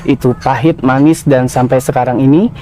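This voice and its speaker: Man, 30s, podcast guest, warm mellow tone, casual confessional storytelling. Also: medium pitch, steady tone, moderate pace. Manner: casual slangy confessional, many fillers. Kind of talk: personal storytelling.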